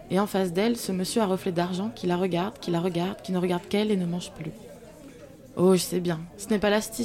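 A woman's voice: medium pitch, natural voice. A woman voicing a spirited, mischievous young woman. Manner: lively, playful, expressive narration. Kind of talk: literary radio play narration.

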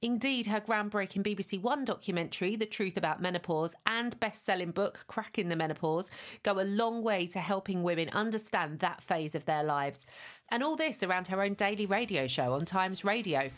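A woman hosts a podcast in an upbeat, clear presenter voice at an everyday pitch. She reads her scripted introduction smoothly, then puts her questions to the guest. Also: moderate pace. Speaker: podcast host.

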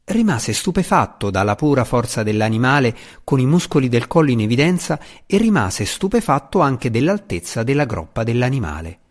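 A man reads a fantasy novel aloud as its narrator, his voice set at a middling pitch. He tells the story dramatically, his pitch rising and falling in lively swoops. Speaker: audiobook narrator. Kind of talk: scripted audiobook narration.

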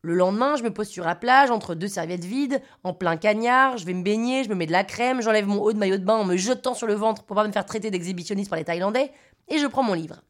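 A woman's voice: medium pitch, fast. Wry Parisian woman telling her story. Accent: Parisian French. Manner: wry, self-mocking, conversational. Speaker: podcast storyteller. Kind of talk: scripted personal narration.

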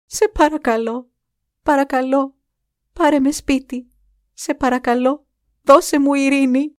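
A woman's voice: a little high, fairly even intonation, darkish tone, no echo, studio quality, pitched above the performer's own voice, natural voice. A woman voicing a despairing, anguished woman who pleads with a spirit in a raised, strained voice. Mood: anguished pleading.

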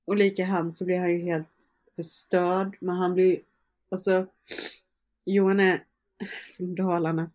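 A woman's voice: fairly low pitch, flat delivery, pauses often, a little mellow. A young woman, an interview guest, casually recounting personal events with fillers and quoted dialogue. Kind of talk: personal storytelling in conversation.

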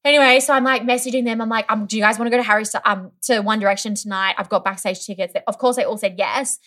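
A woman's voice: mid-range voice, rapid-fire. A young woman chatting casually as a guest, telling a story animatedly with lots of "like" and acted-out voices. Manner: animated storyteller, many "like"s, acts out others' voices. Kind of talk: casual chat.

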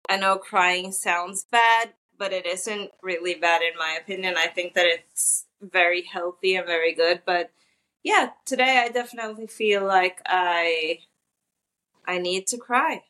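Woman, tired, candid casual chat, bright tense voice, podcast co-host on a call. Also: on the low side, unhurried. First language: Norwegian. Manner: candid, talks openly about her feelings. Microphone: online call.

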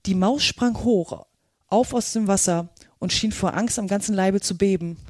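A woman narrates a storybook in a calm, measured voice of middle pitch. The recording is close and dry, with no room echo. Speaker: audiobook narrator.

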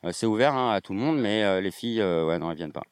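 A man with a slightly low voice rattles off his answers quickly, rambling and restarting with many fillers. The recording is close and dry. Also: animated, clear, resonant tone, no room sound. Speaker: slackline trainer and organizer. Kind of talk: interview answers.

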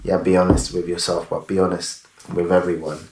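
A man's voice: deep voice, level tone, brisk, darkish tone. A man, a podcast guest, speaking hesitantly and searching for his words. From London. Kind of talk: candid conversation. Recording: roomy echo.

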